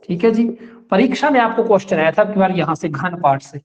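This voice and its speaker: A man's voice: sits high, expressive, fairly quick. A male teacher giving an exam-prep lecture, explaining step by step and checking that his students follow.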